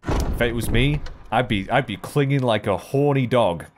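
A man's voice: medium pitch, moderate pace, background noise. A man in his thirties giving casual, jokey, sweary let's play commentary, thinking aloud as he goes. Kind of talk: casual horror game commentary.

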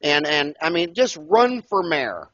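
An older man and dentist, talking loudly and emphatically, telling stories in an animated interview over a headset mic on a video call. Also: a little high, unhurried. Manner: loud, emphatic, storytelling. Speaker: dentist and podcast guest. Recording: dull, lo-fi call audio.

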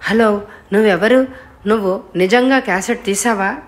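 A woman reading an audiobook voices a frightened, flustered middle-aged male officer who talks in a high, strained rush. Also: moderate pace, lightly acted. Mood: panicked. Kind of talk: audiobook character voice.

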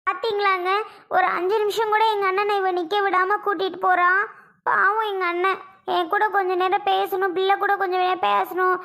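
A woman voicing a bright, tearful young mother. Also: high voice, fairly even intonation, normal speed. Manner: pleading, tearful. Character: young new mother, emotional sister. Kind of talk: cartoon voice acting.

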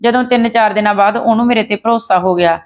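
A woman's voice: medium pitch, fast talker. Lady telling a true story, chatty, lots of restarts, dull lo-fi sound. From Punjab. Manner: conversational, with fillers and restarts. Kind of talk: retelling a true story in casual narration.

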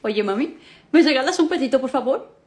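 A woman's voice: high-pitched, animated, fairly quick, a little mellow. A woman acting out a whiny little girl who pleads with her mom in a comedy sketch. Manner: pleading, sulky.

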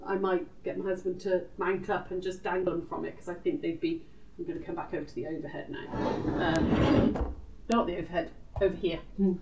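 A craft tutor and live show host, a British woman in her forties, talks briskly in a lowish, steady voice during a casual live demonstration. She's chatty and informal, at times muttering to herself as she works. Recorded in an echoey indoor craft room on a distant mic, the audio is muffled with background noise.

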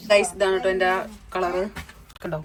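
A young woman vlogging casually from a home kitchen on a handheld phone, chatty and excitable as she talks to her viewers. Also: on the low side, normal speed, crowd noise. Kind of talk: casual vlog chat. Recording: clear background noise.

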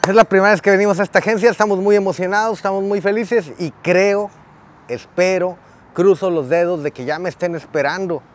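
A man from Mexico, joking and excitable as he hosts his motorcycle vlog. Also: sits high, fairly quick, a little hiss or hum. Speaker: motorcycle vlogger. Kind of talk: casual vlog commentary.

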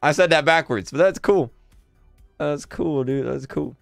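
A man in his twenties hosting a casual livestream, excitable and quick to laugh, repeating words as he reacts. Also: on the high side, vocal fry, dry recording, clean studio sound, soft background music. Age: 20s. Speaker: livestream host.

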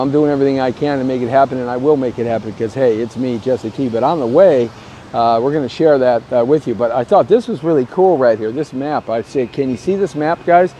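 A man's voice: mid-range voice, warm tone. Chatty middle-aged man on a city street. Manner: chatty, rambling, self-promoting. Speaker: real estate show host. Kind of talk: casual walking vlog. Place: outdoors on a downtown street. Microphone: earbud headset mic, phone at arm's length. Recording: faint street noise outdoors. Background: faint city street and traffic noise.

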